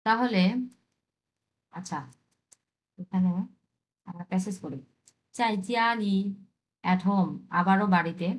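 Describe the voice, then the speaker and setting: A woman teacher walks through new vocabulary one word at a time. She is patient and says each word again slowly so students can drill it. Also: medium pitch. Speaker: Chinese language teacher. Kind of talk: explaining vocabulary in a language lesson.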